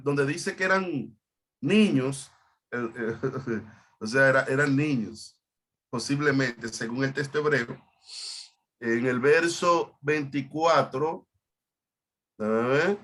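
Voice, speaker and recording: Bright-voiced pastor teaching a Bible study. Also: male voice, mid-range voice. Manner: halting, repeats words, explains Hebrew terms.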